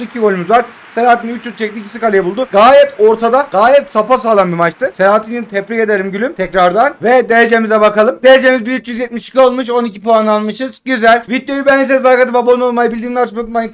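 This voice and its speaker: A young man in his twenties giving casual, excitable play-by-play of his mobile football game, joking and talking to his viewers as friends. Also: very high voice. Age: 20s. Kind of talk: casual gameplay commentary.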